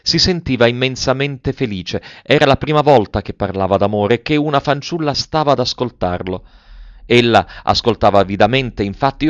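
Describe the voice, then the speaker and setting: A man reading a literary narration aloud in a measured, expressive way, in a dull and slightly muffled recording. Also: lowish voice, dry recording. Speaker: audiobook reader.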